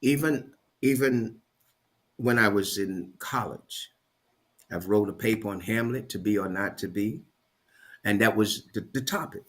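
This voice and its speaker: A man's voice: on the low side, a little slow, fairly bright tone. A man from Barbados, a guest on a talk show, speaking in an emphatic, preacherly way and often repeating words as he builds his point. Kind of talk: motivational interview talk.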